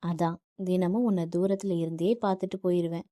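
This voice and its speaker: A soft-spoken father calms his crying daughter with patient, tender words. A woman reads him in a mellow, dry audiobook voice. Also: fairly low pitch, fairly quick, dry recording, natural voice. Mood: gentle reassuring. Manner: calm, reassuring. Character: middle-aged man, gentle soothing father.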